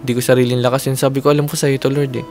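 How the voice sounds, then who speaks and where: Earnest young man telling a heartfelt story. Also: medium pitch. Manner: earnest, animated, speeds up and slows down with emotion. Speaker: content creator and singer hosting video-chat serenades. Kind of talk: casual heartfelt storytelling in Taglish. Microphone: streaming to a video chat. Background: music.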